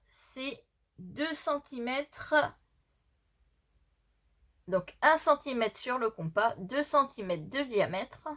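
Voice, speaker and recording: A woman's voice: a little high, bright, forceful tone. A woman with a slight lisp that makes her s sounds slushy, giving an informal step-by-step craft tutorial and repeating her instructions as she explains.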